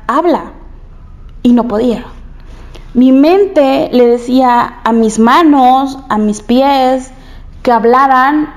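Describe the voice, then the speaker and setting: A woman's voice: on the high side, a little mellow. A young woman, telling a personal story candidly and repeating phrases for emphasis.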